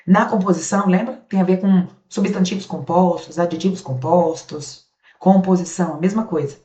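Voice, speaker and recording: A woman's voice: lowish voice, fairly even intonation, moderate pace, mellow. Brazilian woman, grammar teacher, answers her own questions, echoey room. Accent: Brazilian Portuguese. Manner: asks and answers her own questions, casual check-ins. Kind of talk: grammar lecture. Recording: roomy, dull lo-fi sound.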